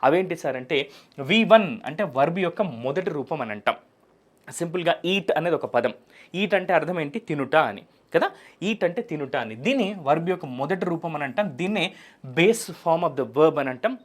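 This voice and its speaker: A man with a Telugu accent teaching spoken English, asking and answering his own questions and repeating each point. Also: on the high side. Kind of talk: explaining a lesson to students.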